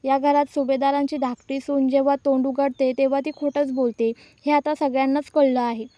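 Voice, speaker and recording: A woman's voice: high voice, little pitch movement, brisk, warm tone, no room sound, close to an everyday voice. A woman voicing a stern young husband who defends his wife, speaking bluntly in a serial recap.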